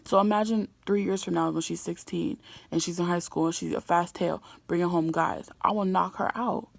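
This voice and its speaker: Young woman, 18, vlogger, fed-up storyteller, gravelly, dry close sound. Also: lowish voice, steady tone, normal speed, no room sound. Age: young adult, 18. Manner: exasperated, ranting. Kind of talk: casual storytime vlog.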